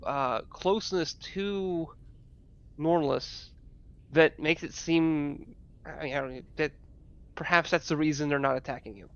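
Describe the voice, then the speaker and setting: A man's voice: fairly high pitch, fairly bright tone, clean tone, dull audio. A man narrating a tabletop game as game master, improvising in a hesitant, self-correcting way.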